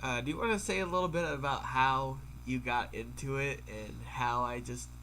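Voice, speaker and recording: A man hosts a casual podcast with a congested, stuffy-nosed sound, as if fighting a cold. His voice is bright and forceful at an ordinary male pitch. There is faint noise behind him on the home recording. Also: moderate pace. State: under the weather with a stuffy nose. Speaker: podcast host.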